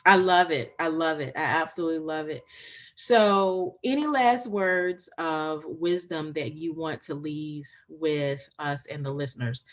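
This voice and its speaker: Low-voiced enthusiastic woman podcast host. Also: highs cut off. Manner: enthusiastic, emphatic, repeats phrases. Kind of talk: casual interview chat.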